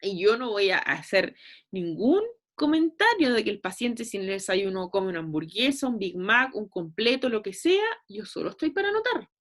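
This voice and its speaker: A woman's voice: mid-range voice, very animated, normal speed, a bit bright. A woman giving an online class, explaining with examples and checking in with frequent tag questions. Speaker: nutrition lecturer.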